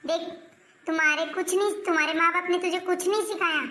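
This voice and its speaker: Complaining high-pitched woman in a skit. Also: steady tone, brisk, pushed and bright. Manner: complaining, aggrieved, nagging. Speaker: elder daughter-in-law in a family skit. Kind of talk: scripted family skit acting.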